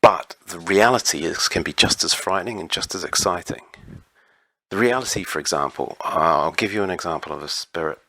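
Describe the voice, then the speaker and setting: A man answering interview questions about his writing in a relaxed, measured way, often pausing with an um. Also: sits low, no echo. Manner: measured, explanatory, with frequent ums. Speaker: interview guest, writer on magic.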